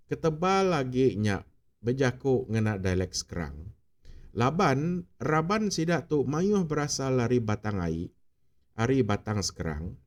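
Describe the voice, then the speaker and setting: A man from Sarawak narrating a read-aloud tale as a channel host, in a measured way, going through names one at a time. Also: mid-range voice, darkish tone. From Sarawak, Malaysia.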